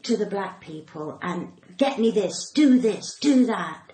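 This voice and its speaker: She speaks expressively at a measured pace, her mid-range voice dark in tone and her accent cut-glass and well-spoken. The older comedian and actor, guesting on a podcast, tells candid tales and dramatizes what others said, heard with roomy echo and faint background noise.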